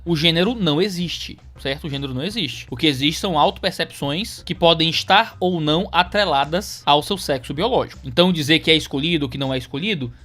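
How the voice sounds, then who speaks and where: A man's voice: high voice, fairly bright tone. A man with a Brazilian accent giving reaction commentary, arguing his point and checking in with rhetorical tag questions. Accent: Brazilian Portuguese.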